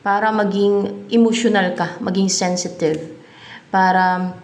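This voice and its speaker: Slow musing Filipina tarot reader. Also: female voice, medium pitch, steady tone. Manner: slow, musing, thinking aloud and questioning herself. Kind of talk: tarot card reading. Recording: echoey room, faint background noise.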